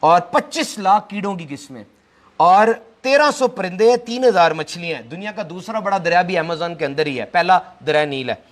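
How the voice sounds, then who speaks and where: A man's voice: high voice, expressive, moderate pace. A young man giving a motivational lecture to a live audience, firing off lists and rhetorical questions and mixing in English phrases. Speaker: motivational speaker.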